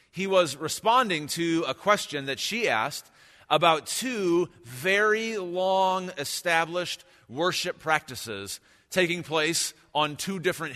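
A pastor speaks at a pulpit microphone in a church sanctuary, his bright voice trailing off into a long hall reverb. He preaches in a relaxed, conversational and reflective way, as if thinking aloud with his congregation. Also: a little high. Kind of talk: sermon.

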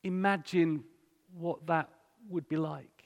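A man's voice: a little high, steady tone, takes it slowly, gravelly. A man with a northern English accent giving a sermon-style talk, telling stories and putting conversational questions to his congregation. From Hull, England. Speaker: guest speaker at a church. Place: large church hall, live talk to a congregation. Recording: echoey hall with long reverb.

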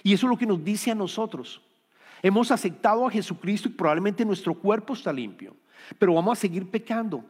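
Preacher, male, slightly high voice, earnest sermon delivery with repeated phrases, recorded in a reverberant hall. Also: lively intonation, a little fast, darkish tone, slightly rough. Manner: earnest, repeats key phrases, restarts words. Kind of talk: Bible-study sermon.

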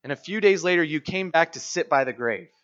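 A man's voice: a little high, fairly quick, lo-fi sound. A man preaching a sermon in a conversational way, reading scripture and acting out quoted lines. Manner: conversational, animated, acts out quoted voices. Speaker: pastor.

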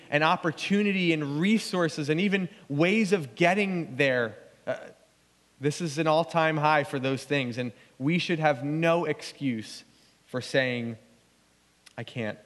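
A man's voice: a little high, a bit bright. A man preaching a sermon as pastor, earnest and conversational, often restarting his phrases. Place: church sanctuary. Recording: long church hall reverb.

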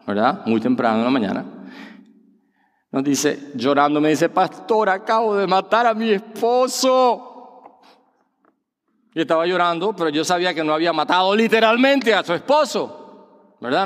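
A middle-aged male pastor preaching a sermon, peppering the congregation with rhetorical questions and acting out quoted voices. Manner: acts out quoted voices with sudden pitch jumps. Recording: long hall reverb.

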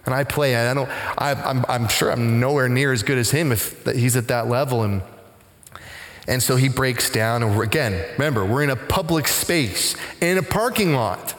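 A middle-aged man, a pastor, telling a story in a conversational sermon and growing animated as he recounts it. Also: moderate pace. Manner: conversational, animated when retelling, rising pitch in excitement. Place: church sanctuary. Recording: long hall reverb in a church.

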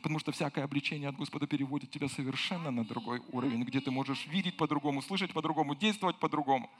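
A man delivers a passionate sermon in a high, ringing voice. He drops to near whispers, then builds back up to loud exclamations. He repeats his phrases again and again for emphasis. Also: rapid-fire. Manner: impassioned preaching, swinging from low murmurs to loud cries. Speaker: pastor.

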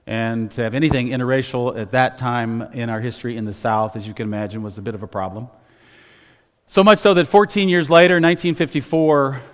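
A man preaching a sermon in a church sanctuary, telling stories and swelling to loud, emphatic phrases. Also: mid-range voice, fairly even intonation, fairly quick. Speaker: pastor. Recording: long church reverb.

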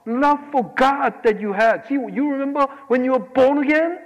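A man from Korea preaching a sermon, animated, swinging between loud exclamations and quiet asides. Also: very high voice, normal speed, long reverb tail, rough recording. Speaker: pastor.

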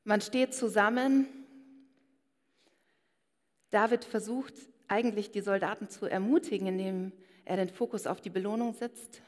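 A woman's voice: mid-range voice, steady tone, moderate pace, pauses often. A woman giving a personal sermon and speaking straight to her listeners. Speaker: preacher. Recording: long hall reverb.

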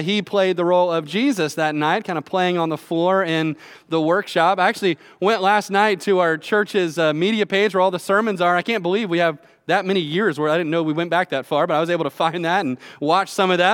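A man's voice: sits high, a bit bright, clear, resonant tone. A man preaching a sermon as pastor from a church stage at a pulpit microphone, in a chatty, conversational way with filler words.

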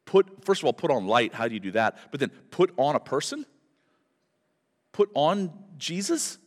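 A man's voice: on the high side, very animated, normal speed. A male pastor preaching a sermon at a pulpit microphone in a church, emphatic and building to fervent repetition. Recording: long hall reverb from a church.

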